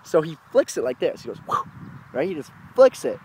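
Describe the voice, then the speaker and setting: A young man co-hosting a casual vlog, telling a rambling, excitable story. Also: fairly high pitch, fast talker, slight background noise. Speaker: co-host.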